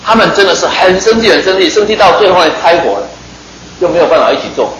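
Male preacher, chatty and quick sermon delivery, roomy hall with faint noise. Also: high voice, animated, fairly bright tone. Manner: chatty, joking, asks the listeners rhetorical questions.

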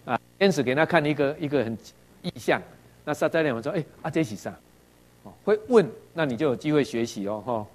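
A man's voice: mid-range voice, lively intonation, fast. Taiwanese-accented man preaching, questioning listeners. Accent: Taiwanese Mandarin. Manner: tags sentences with "ha" and asks the audience questions; acts out quoted dialogue in varied voices. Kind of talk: sermon.

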